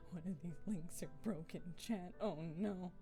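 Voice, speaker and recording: A woman streaming a solo tabletop game, chatting excitedly with her viewers and reading out the adventure. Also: fairly low pitch, unhurried, soft background music. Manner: chatty and excitable, talks straight to her chat. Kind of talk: casual live-stream chat and adventure reading.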